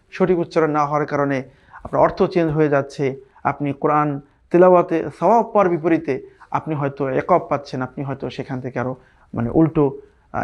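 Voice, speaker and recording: A man teaching a Quran recitation class, explaining pronunciation patiently and reciting verses slowly, checking in with his listeners. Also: fairly high pitch, darkish tone. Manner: drawn-out Arabic recitation between plain explanations. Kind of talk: online recitation lesson.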